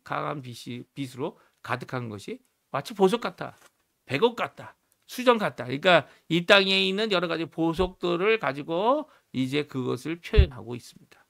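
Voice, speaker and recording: A man's voice: on the high side, vocal fry, fairly bright tone. A man pastor giving an earnest teaching sermon at a morning prayer service, stressing words with rising emphasis. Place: church, morning prayer livestream.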